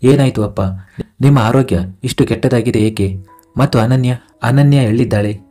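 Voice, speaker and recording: A man voicing a caring, protective young husband from a storybook, asking softly and with concern. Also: mid-range voice, steady tone, normal speed, faint music behind, lightly acted. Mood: worried.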